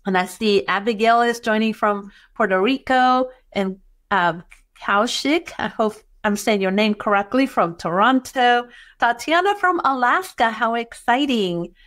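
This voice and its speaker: A middle-aged Chilean woman with a slightly high, slightly slow voice hosts a bookkeeping webinar over a video call. Her Chilean Spanish accent carries a bit of Texan, and she teaches in a warm, welcoming way, filling her presentation with lots of fillers.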